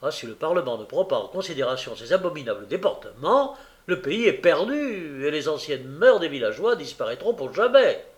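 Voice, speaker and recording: Storybook figure: man playing a booming, self-important beadle, raised pitch. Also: sing-song, fairly quick. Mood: pompous. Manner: pompous, scolding, booming. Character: pompous indignant parish beadle, middle-aged man.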